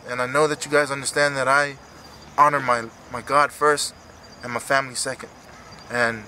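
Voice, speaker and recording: A man in his thirties speaking emotionally and haltingly in an earnest, unscripted post-fight interview as a retiring fighter. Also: medium pitch, pushed and bright, a little hiss or hum. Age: 30s. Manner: halting, earnest, repeats himself.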